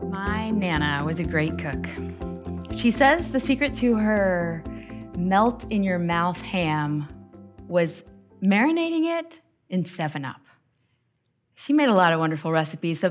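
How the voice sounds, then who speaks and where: A middle-aged woman hosting a devotional podcast, telling a personal family story in an earnest, intimate way that often drops to quiet tones. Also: fairly low pitch, animated, unhurried, faint music behind. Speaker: podcast host and Bible teacher.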